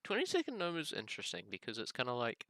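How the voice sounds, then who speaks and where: A man's voice: mid-range voice, huge pitch swings, rapid-fire, vocal fry, sharp tone, dry recording. A man chatting casually over gameplay as a streamer, musing aloud in a rambling way as he plays. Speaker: gaming content creator and live streamer.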